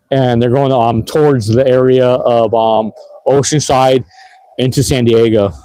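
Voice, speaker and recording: A man's voice: medium pitch, warm tone, no echo, poor audio. A man, casually narrating a livestream while riding an e-bike through city streets at night, rambling with lots of fillers. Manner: rambling, laid-back, lots of fillers and laughs. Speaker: e-bike vlogger.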